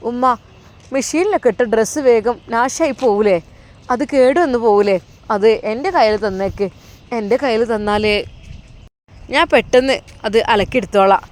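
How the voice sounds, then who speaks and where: A woman's voice: a little high, moderate pace, long pauses, a little mellow, natural voice. A woman playing an earnest young helper from Malappuram. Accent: Malappuram Malayalam. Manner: earnest, insistent.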